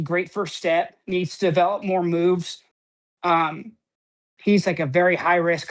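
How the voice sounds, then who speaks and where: A man co-hosting a podcast, talking sports in a rambling, casual way, full of "um" and "like" and casual swearing. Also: a little high. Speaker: podcast co-host.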